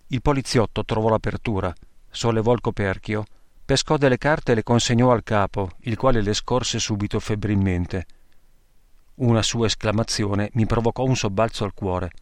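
A man reads a wartime memoir aloud in a measured, grave way. His voice is fairly low. The recording is dry and close, with no room sound. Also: no room sound. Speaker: narrator.

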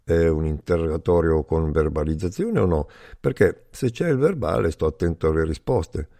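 A man's voice: low voice, moderate pace, vocal fry, mellow. A man voicing a young male prisoner, the narrator's friend, who talks frankly and teases a little. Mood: teasing. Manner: light, teasing, frank.

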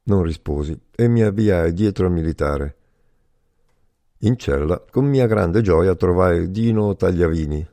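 A man reads a first-person memoir at a measured, steady pace. His voice is low and dark, and the recording is dry and close. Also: no echo. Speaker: narrator.

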